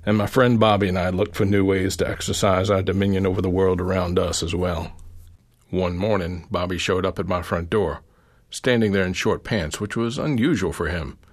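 Gravelly low-voiced man reading a memoir. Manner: quiet, measured storytelling, lifting his voice for quoted children. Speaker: essay author reading his own piece.

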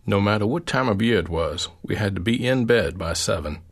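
Gravelly low-voiced man reading a memoir. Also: animated. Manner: quiet, measured storytelling, lifting his voice for quoted children. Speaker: essay author reading his own piece.

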